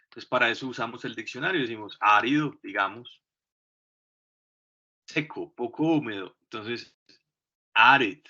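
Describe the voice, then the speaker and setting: A man's voice: mid-range voice, normal speed, pauses often, pushed and bright. A man with a Colombian Spanish accent teaching an English lesson, patiently explaining step by step and often checking in with his class. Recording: dull, lo-fi recording.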